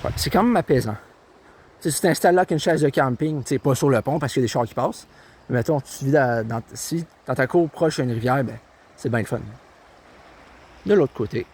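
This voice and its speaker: A man's voice: medium pitch, brisk, a little mellow, slight background noise. Young Québécois guy vlogging on a walk, chatty and rambling, mid-range voice, tablet mic, faint outdoor ambience behind. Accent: Québécois French. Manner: rambling, chatty, self-mocking. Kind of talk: casual walking vlog. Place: outdoors, countryside trail by a river and road. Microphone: handheld tablet camera. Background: faint outdoor ambience, birds and passing cars.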